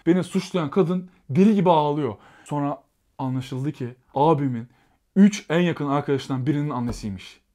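A young man telling a personal story to his vlog viewers, acting out what people said in a lively way. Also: normal speed. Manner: animated, acts out quotes with rising pitch. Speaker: vlogger.

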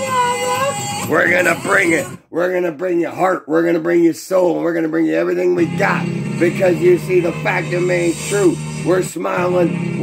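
A man delivering a rambling, excited fan rant, shouting and whooping as he goes. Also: sits high, gravelly. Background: music.

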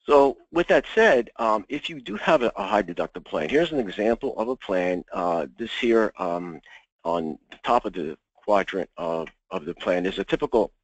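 A man giving an insurance webinar, walking through slides in a halting way with many ums and uhs. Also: lowish voice, animated, dry recording, low-quality recording. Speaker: insurance sales presenter.

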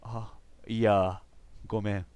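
A man reading the lines of a bored, mischievous teenage boy in a game, with a flat, bored delivery. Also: on the low side, slow pace, dry recording, voice pushed down.

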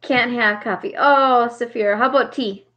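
A woman's voice: a little high, fairly even intonation, moderate pace, highs cut off. A woman hosting a casual crafting livestream, chatting with viewers and reading their comments aloud with frequent laughs.

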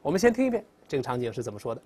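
A man's voice: mid-range voice, big pitch swings, racing, darkish tone, slight background noise. A male English teacher giving a vocabulary lesson, drilling words aloud and stretching out the sounds.

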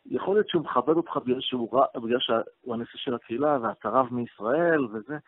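A man, a rabbi and radio guest, telling a story from his past in an interview, halting with fillers as he goes. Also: medium pitch, slightly rough, dry recording. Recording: phone-line radio call, dry.

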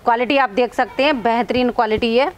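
A woman's voice: fairly high pitch, fast talker. A woman in her thirties hosts a business video, asking a seller questions and talking to viewers in an upbeat way inside a large warehouse on a lapel mic. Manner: upbeat, addressing viewers as friends. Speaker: host. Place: large clothing warehouse indoors. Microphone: clip-on lapel mic.

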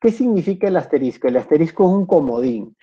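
This Excel instructor, who has a Peruvian Spanish accent, talks fast in a fairly high, mellow voice with big pitch swings. In his screen-recorded software lesson he frequently repeats himself and asks "correcto," and the lo-fi mic sounds dull.

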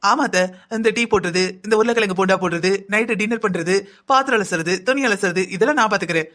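A man's voice: high-pitched, fast talker, pushed and bright. A man voicing a lazy, scheming young wife in a cartoon, whining and complaining in long sing-song lists. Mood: sly. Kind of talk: cartoon voice acting.

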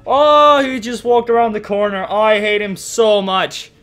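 A man streaming a horror game, chatting and cursing, yelping and shouting when startled. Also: high-pitched, fairly even intonation, normal speed. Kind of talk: gaming livestream commentary.

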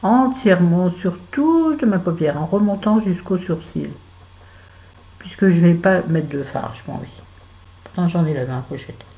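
A middle-aged woman vlogs while doing her make-up, chatting casually and telling a story full of exasperated asides. Her voice is lowish, dark, and expressive, and she speaks unhurriedly. The recording is rough.

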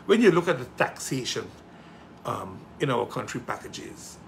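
A middle-aged man gives impassioned political commentary, emphatic, with rhetorical questions that build to loud indignation. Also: mid-range voice, big pitch swings, normal speed, creaky, slight background noise. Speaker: political commentator hosting a show.

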